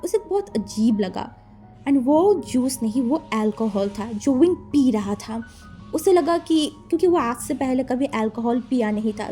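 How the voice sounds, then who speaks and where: High-voiced woman narrating casually. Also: warm tone. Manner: chatty, mixing English words in. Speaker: storyteller. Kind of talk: casual fan-fiction storytelling.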